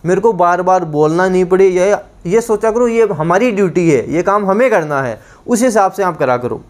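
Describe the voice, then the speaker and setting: A man's voice: sits high, animated, moderate pace. A man teaching an online exam-prep lesson, repeating each term and asking the class questions back.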